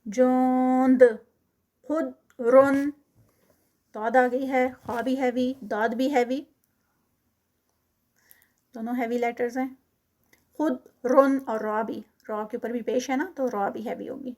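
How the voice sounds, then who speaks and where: A woman teaching Quran recitation. She chants each word slowly and louder, then explains each rule quietly and quickly. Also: on the high side, steady tone. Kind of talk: recitation lesson, Urdu with English terms.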